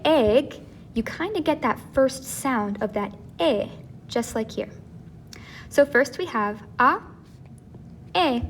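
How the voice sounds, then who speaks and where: A woman teaching a casual video lesson, who explains slowly and repeats each sound. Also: fairly high pitch, slight background noise. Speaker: Spanish teacher.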